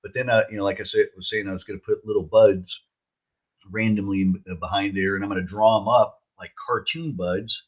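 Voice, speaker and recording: A man chatting casually in a laid-back stoner way, halting and searching for words. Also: on the low side, fairly even intonation. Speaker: logo artist and co-host. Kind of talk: casual chat. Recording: dull, lo-fi, muffled sound.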